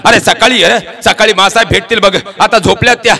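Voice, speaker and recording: A gruff fort guard, played by a male orator, curt and dismissive in a bright, fairly high voice. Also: steady tone, brisk, heavily acted.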